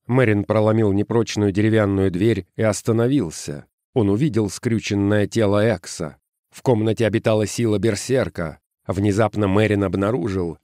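Low, dry-voiced male audiobook narrator. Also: no room sound. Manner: steady, measured storytelling. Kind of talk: scripted narration.

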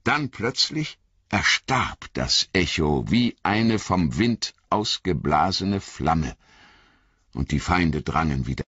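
A man reading a fantasy novel aloud as an audiobook narrator, in a measured, dramatic way. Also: sits low, animated, a bit bright, breathy edge, no room sound, lo-fi sound.

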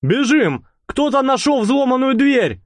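A man's voice: extremely high pitch, sing-song, unhurried, no echo, studio quality, voice pushed up, exaggerated voice. A man voicing a pompous, hot-tempered male gang leader who lectures and snaps at his followers. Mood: tense. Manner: speechifying then snapping. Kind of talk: audiobook character voice.

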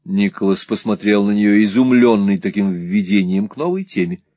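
A male audiobook narrator with a lively, widely moving pitch and a wry storytelling manner. The recording is close and dry, with no room sound at all. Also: moderate pace, no room sound. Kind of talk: scripted narration.

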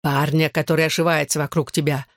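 Narrator putting on a drunk brutal dad in an audiobook, barking and slurring, dry close sound. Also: female voice, low voice, little pitch movement, fast, dry recording. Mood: drunk, furious. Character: drunk violent middle-aged father.

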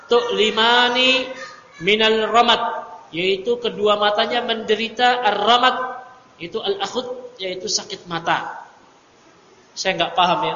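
A man teaching a religious study lecture, lively and teasing his audience in asides. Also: high voice. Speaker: Islamic teacher. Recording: echoey hall, dull lo-fi audio, faint hiss.

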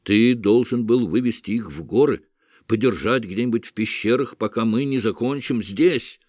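A man voicing an indignant, bleating goat-like male devil with a shrill, squawking voice. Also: moderate pace, darkish tone, no echo, clean studio sound, close to an everyday voice.

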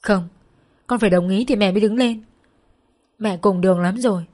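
A woman's voice: medium pitch, normal speed, a little mellow, close to an everyday voice. A woman voicing a desperate mother who tearfully begs her daughter for help, in a spoken story. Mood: pleading. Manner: tearful, begging. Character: desperate pleading mother in debt.

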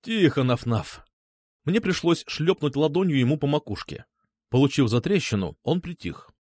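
Man reading a story with lively pitch. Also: normal speed, slightly rough, no room sound, clean studio sound. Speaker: audiobook narrator. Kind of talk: first-person story reading.

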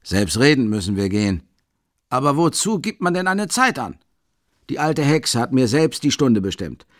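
A man's voice: medium pitch, big pitch swings, moderate pace, no room sound, clean studio sound, voice pushed up, natural voice. A man voicing an impatient, exasperated visitor who grumbles and curses in an audiobook.

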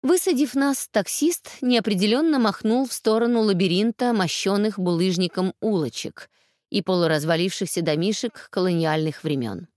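A woman reading a first-person novel aloud as an audiobook narrator, calm and measured. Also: mid-range voice, dry recording, clean studio sound.

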